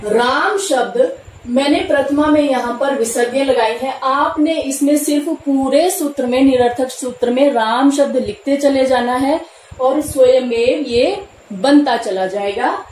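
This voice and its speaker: A woman's voice: high-pitched, measured pace, darkish tone. A woman teaching Sanskrit grammar step by step, patiently repeating the key terms. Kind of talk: classroom lesson explaining grammar. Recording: echoey room, faint background noise.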